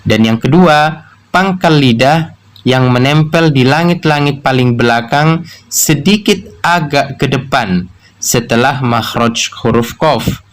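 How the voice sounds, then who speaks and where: A man teaching pronunciation, explaining slowly and drilling letter sounds one syllable at a time. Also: mid-range voice, rough recording. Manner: slow, deliberate, pronounces syllables one by one for learners. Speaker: Quran recitation teacher.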